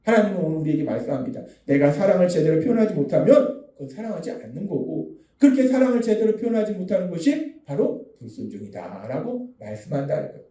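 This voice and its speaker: High-voiced male preacher in an echoey church. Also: very animated, quick pace, hardly any pauses, mellow, far from the mic. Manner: earnest preaching with rhetorical questions. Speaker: pastor. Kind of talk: sermon. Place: church sanctuary.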